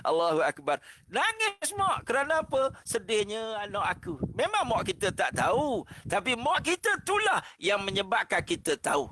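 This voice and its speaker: A man with a Malaysian Malay accent giving an animated religious talk over a video call, often exclaiming religious phrases and acting out the voices in his stories. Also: sits high, normal speed, background noise. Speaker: religious speaker on a parenting panel. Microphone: online video call.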